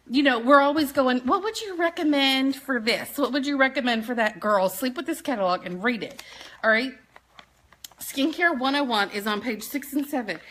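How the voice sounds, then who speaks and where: A woman in her thirties from Maryland, speaking with a Southern accent, giving a chatty, animated training talk to her sales team and laughing often. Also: fairly high pitch. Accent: Southern US, put on when talking fast. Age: 30s. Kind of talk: casual live training talk.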